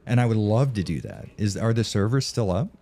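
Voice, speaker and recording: Male game streamer, low mellow voice, loose profane chat with viewers. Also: sing-song, a little fast, vocal fry. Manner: profane, rambling, laughs often. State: tired from no sleep. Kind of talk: casual live-stream chat.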